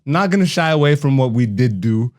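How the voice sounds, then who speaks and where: A man's voice: mid-range voice, animated, brisk. A young man hosting a podcast, a comedian chatting loosely and laughing often. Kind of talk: casual podcast chat.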